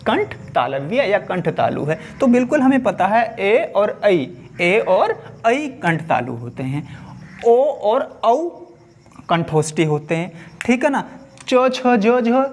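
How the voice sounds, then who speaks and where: A man's voice: high voice, big pitch swings, takes it slowly. A man teaching an exam-prep lesson, asking questions and repeating them to his viewers.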